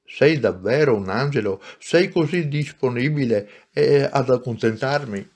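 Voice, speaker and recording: A man reading aloud and voicing a small, eager spirit with an excited, pleading manner. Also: medium pitch, unhurried. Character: small eager newborn soul, childlike.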